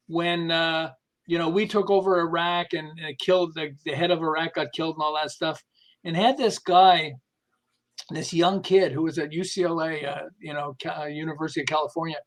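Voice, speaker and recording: On this podcast, the guest expert is a behavioral management specialist with a high-pitched voice. His storytelling is lively yet halting, as he abandons sentences midway and then resumes them.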